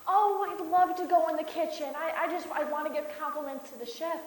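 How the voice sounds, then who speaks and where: A woman's voice: high-pitched, fairly quick, distant mic, natural voice. A woman playing a sweetly polite old lady detective who rambles hesitantly in a comic stage play. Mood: sweet, fussy. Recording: echoey hall from afar, faint hiss.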